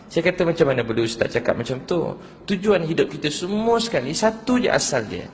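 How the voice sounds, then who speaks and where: A male preacher with a Malaysian Malay accent gives a storytelling sermon at a mid pitch, often asking his listeners questions. His voice carries a long hall reverb over a faint hum of ambience. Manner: storytelling, asks the audience questions.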